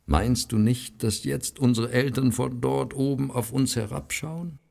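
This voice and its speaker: A man's voice: mid-range voice, fairly even intonation, measured pace, vocal fry, darkish tone, pitched above the performer's own voice. A man voicing a frail, tearful sick woman. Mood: grateful. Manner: tearful, pleading. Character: sick grey-haired woman, remorseful and grateful.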